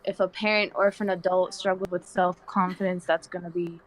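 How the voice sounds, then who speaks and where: A woman's voice: on the low side, little pitch movement, a little fast, poor audio. Slangy nineteen-year-old woman rambling. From Dominican Republic. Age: young adult, 19. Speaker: guest. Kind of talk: casual chat on a live stream.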